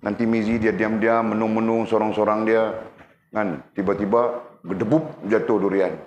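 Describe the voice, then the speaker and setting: A man giving a lively religious lesson, often putting questions to his listeners. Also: lowish voice, normal speed. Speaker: religious teacher. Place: religious boarding school community. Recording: echoey room with faint noise.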